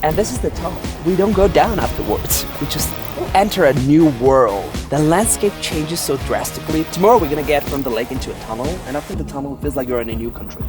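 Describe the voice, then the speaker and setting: An Armenian-accented man leads a tour, lecturing in lively runs of lists. His fairly high voice rings off bare stone walls. Music plays clearly behind him. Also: quick pace. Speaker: tour guide. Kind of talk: explaining history on a guided tour. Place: stone building, indoors. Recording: echoey stone hall with music.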